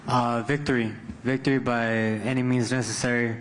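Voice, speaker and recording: A man's voice: medium pitch, flat delivery, normal speed. A man speaking as a boxer, giving a plain prediction at a press conference. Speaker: professional boxer.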